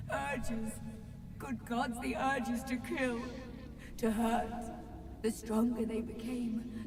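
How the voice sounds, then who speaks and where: A woman's voice: fairly high pitch, far from the mic, background noise. A woman voicing the tormented spirit of an ancient tree in a video game, with an unearthly voice and solemn, dramatic delivery. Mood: anguished, haunted. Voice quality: unearthly, echoing voice. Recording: reverberant hall effect over music.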